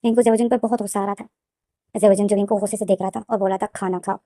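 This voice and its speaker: Fast-talking woman retelling a fan story. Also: medium pitch, fairly even intonation, mellow, no echo, studio quality. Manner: chatty, rambling, repeats names often.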